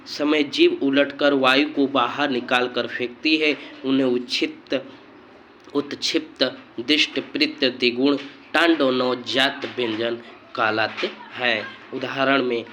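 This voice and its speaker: Slow, bright-voiced male teacher. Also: medium pitch, slight background noise. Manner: slow and deliberate, repeating phrases. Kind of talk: Hindi grammar lesson.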